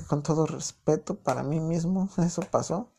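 A man's voice: a little high, moderate pace, gravelly, dark tone, husky. A young man from Mexico City with a chilango accent, casually telling a personal story in a chatty, joking way full of slang fillers. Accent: Mexico City Spanish. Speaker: podcast host.

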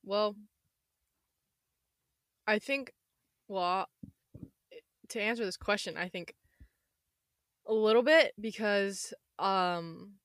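A twenty-year-old woman with a slightly hoarse voice, chatting casually in a rambling, self-interrupting way. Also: mid-range voice, slow pace, pauses often, fairly bright tone, no room sound, clean studio sound. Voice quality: slightly hoarse, losing her voice. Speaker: podcast host. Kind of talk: casual chat.

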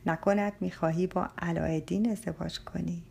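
A kind, fatherly old master speaks gently and affectionately, voiced by a woman reading the story. The voice stays low and husky with a gravelly texture, in an unhurried storybook manner. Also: steady tone, heavily acted. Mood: gentle. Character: older male spiritual master, kind and fatherly. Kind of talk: audiobook character voice.

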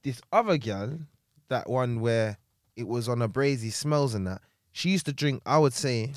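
A man's voice: medium pitch, expressive, normal speed, no room sound, studio quality. A young man with a London accent hosts a podcast in casual, slangy banter, repeating words for emphasis as he tells stories. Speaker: podcast host.

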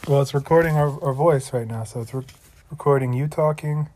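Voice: mid-range voice, fairly quick, darkish tone. An adult reading a storybook aloud and chatting with a child, prompting and repeating phrases. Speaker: parent reading a storybook to a child, podcast host. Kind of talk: read-aloud storytelling mixed with casual chat with a child.

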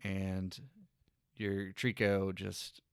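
A man chatting casually about a video game, explaining scenes step by step and acting out lines in a high voice. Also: monotone, very slow, clean tone, dry recording, clean studio sound.

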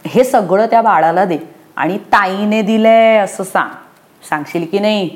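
A woman voicing a sulky, jealous little girl in a children's story, whining and shouting when she doesn't get her way. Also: mid-range voice, unhurried, lightly acted. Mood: grown-up. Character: pouty jealous little girl, new big sister.

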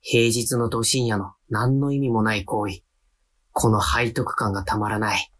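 A timid young adult narrator-protagonist, played by an actor, delivers a radio drama inner monologue with wry, self-deprecating asides. His voice sits on the low side with a steady tone, normal speed, a bit of brightness and light acting.

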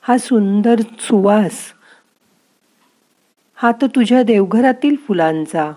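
A woman voicing a wise, gentle inner mind. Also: medium pitch, expressive, takes it slowly. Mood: gently coaxing. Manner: coaxing and softly scolding.

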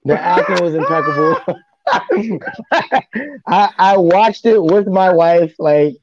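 A man's voice: high voice, slow, heavy background noise. A man hosting a podcast in a casual, chatty style. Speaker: podcast host. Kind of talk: casual chat. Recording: dry, slightly dull sound.

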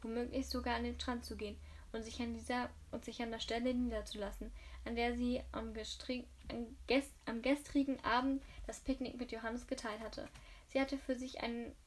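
A woman reads a novel aloud in a high, fairly flat voice. She stumbles often and backs up to restart her phrases. The delivery is steady but unpolished. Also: a little fast, a little hiss or hum. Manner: frequent slips and restarts. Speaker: audiobook reader.

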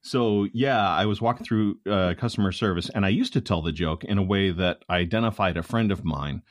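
Give me a very deep-voiced man, rambling in a casual podcast chat with a dry, close sound. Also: a little fast, no room sound. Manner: rambling, full of filler sounds. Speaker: guest comedian.

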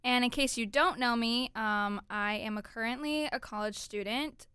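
A twenty-year-old from Orlando, Florida, USA, hosts her own solo podcast, chatting in a bright, forceful tone with an upbeat flow full of "like" and "you know." Her voice is smooth, crisp, and fairly high, at a moderate pace, recorded dry and close with no room sound.

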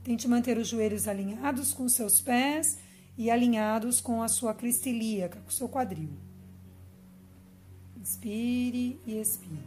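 A Brazilian woman speaking as a yoga teacher in a calm, instructive manner. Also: on the high side, normal speed. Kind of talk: guided yoga class.

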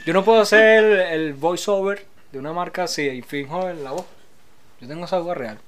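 Joking high-voiced Venezuelan man. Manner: joking, swearing, quick laughs. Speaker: podcast co-host. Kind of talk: casual banter.

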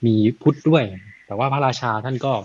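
A man retelling a Buddhist story in a casual, chatty way, often adding soft tag words and working out sums aloud. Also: mid-range voice, brisk, dull audio. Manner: chatty, frequent "na" tags, thinks aloud with math.

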